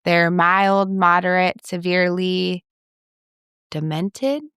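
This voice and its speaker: Slow-talking young woman podcast co-host. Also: lowish voice, level tone, fairly bright tone, clear, resonant tone, no echo, clean studio sound. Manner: storytelling, laughs often, unhurried. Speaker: podcast co-host, speech therapist. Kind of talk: casual podcast chat.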